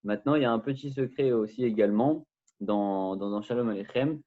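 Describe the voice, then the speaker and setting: A man giving an informal religious lesson, speaking haltingly with many repeated words and restarts. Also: fairly low pitch, mellow. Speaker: religious class teacher. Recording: narrow phone-like sound.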